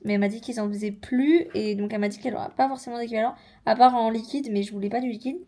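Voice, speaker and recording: Young female vlogger, relaxed unboxing chatter, animated asides, a touch high-pitched. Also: very fast. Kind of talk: casual vlog chat, product unboxing.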